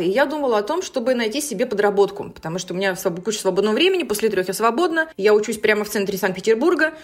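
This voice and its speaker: Fast-talking woman in her thirties. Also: fairly high pitch. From Saint Petersburg, Russia. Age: 30s. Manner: lively, laughs often while telling stories. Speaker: guest trader. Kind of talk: podcast interview storytelling.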